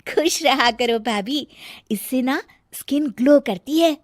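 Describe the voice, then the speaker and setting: A woman's voice: sits high, takes it slowly, dry recording, clean studio sound, pitched above the performer's own voice. A woman voicing a clever, cheeky young daughter in a cartoon, breezy and teasing.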